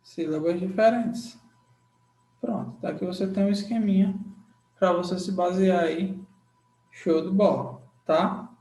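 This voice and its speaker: Slow, repetitive Brazilian male teacher. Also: high-pitched, steady tone, a little mellow. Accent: Brazilian Portuguese. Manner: drawn-out, repeats key phrases, checks in with "tá?". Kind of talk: grammar lesson. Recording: echoey room.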